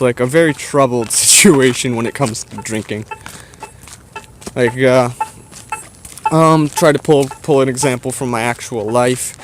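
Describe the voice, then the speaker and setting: A Canadian man talks casually to his viewers as a vlogger. He meanders and hesitates through his thoughts at a mid-range pitch. Faint outdoor noise sits behind his voice. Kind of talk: casual rambling chat to viewers.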